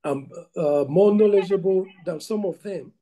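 A middle-aged man from Cameroon speaks on a video call from a room at home. His voice is fairly high and strikingly tense and forceful. He talks haltingly, with many "uh"s and restarts. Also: poor audio. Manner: hesitant, many fillers and restarts. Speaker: football coach. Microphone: video call laptop mic.

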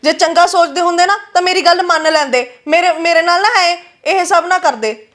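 A woman acts out a defiant young daughter, stubborn and insistent. Her voice is high and she talks fast. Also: fairly bright tone. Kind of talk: rural Punjabi web drama acting.

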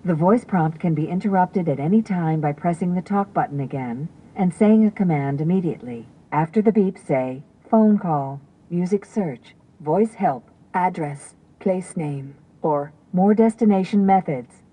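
A woman's voice giving measured, impersonal, synthetic voice assistant prompts in a car system. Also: on the low side, animated, warm tone, slightly rough, poor audio. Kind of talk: voice assistant prompt, scripted and segmented.

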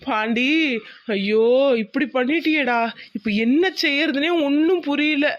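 Woman doing a loyal young male friend, coaxing, high-pitched, dry close mic, cartoon. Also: a little slow, no room sound, lo-fi sound. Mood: urging. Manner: coaxing, urging. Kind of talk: cartoon voice acting.

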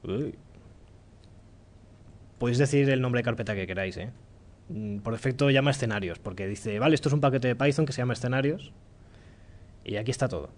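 A man with a Spanish accent from Spain giving a relaxed, joking live-coding talk in a lecture room, thinking aloud as he goes. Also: mid-range voice, fairly quick, long pauses. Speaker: conference speaker.

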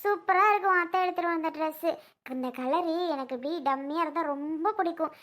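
A young mother with a very high, bright voice, cooing and grumbling to her baby and guarding it fiercely, as a woman acts her out. She chatters on fondly and sounds sharp and clear. She is one of the figures in a home drama skit. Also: brisk. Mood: doting.

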